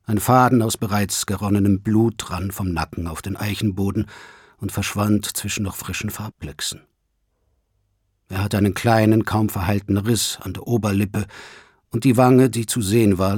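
A man reading a crime novel aloud as a narrator, in a measured, even way, with a husky voice. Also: fairly low pitch, no room sound, clean studio sound. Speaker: audiobook narrator. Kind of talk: scripted narration.

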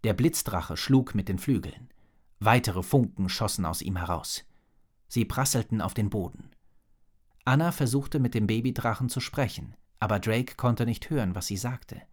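A man narrating a children's storybook with an expressive reading. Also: mid-range voice.

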